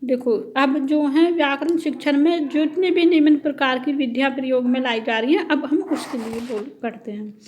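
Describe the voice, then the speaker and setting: High-voiced woman teaching an exam-prep lecture. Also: darkish tone. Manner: reads syllabus points slowly, then speeds up to explain.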